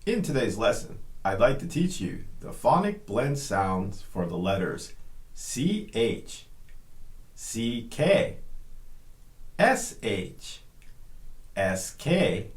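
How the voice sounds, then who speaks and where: A man with an American accent teaching English pronunciation, enunciating deliberately as in a scripted phonics drill. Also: lowish voice, big pitch swings, echoey room. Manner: deliberate, clearly enunciated delivery. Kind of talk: scripted phonics lesson with slow repeat-after-me word drills.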